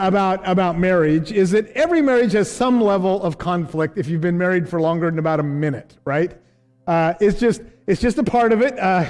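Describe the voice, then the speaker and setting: An older man preaching a relaxed, chatty sermon as pastor, a little out of breath, self-deprecating and quick to laugh. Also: high voice. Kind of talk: casual sermon. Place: church sanctuary.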